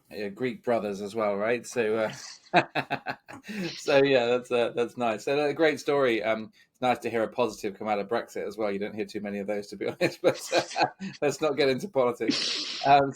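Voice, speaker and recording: A man hosts a podcast in a friendly, chatty way and drops in joking asides. His voice sits on the lower side. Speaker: podcast host. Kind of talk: casual interview hosting.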